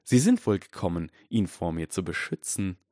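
A man's voice: low voice, sing-song, mellow, dry recording, studio quality. Lucius Malfoy, a silky cold aristocrat, read by a man. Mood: icy. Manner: icy, measured and menacing.

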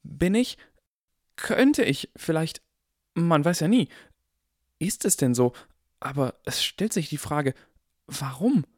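A man's voice: a little high, animated, slow, pauses often, no room sound, studio quality, pitched above the performer's own voice, heavily acted. A man voicing a precocious, clever boy who talks in an over-formal, pompous way in an audiobook.

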